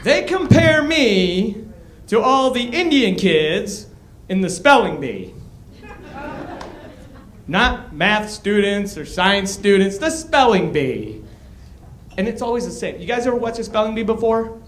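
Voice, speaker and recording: High-voiced man doing stand-up. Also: very animated, takes it slowly, pauses often. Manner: loud, punchy delivery with crowd work. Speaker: stand-up comic. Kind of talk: stand-up comedy set. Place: comedy club stage. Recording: echoey club room. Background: audience laughter.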